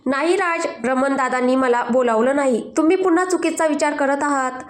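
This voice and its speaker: A woman voicing a gentle, anxious young wife in a storybook, pleading hesitantly. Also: high voice, moderate pace, roomy sound, lightly acted.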